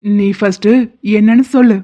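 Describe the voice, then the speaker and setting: A woman's voice: mid-range voice, fairly even intonation, normal speed, warm tone, lightly acted. A woman voicing a confident, protective young man in a cartoon drama, teasing and reassuring. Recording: dull lo-fi audio.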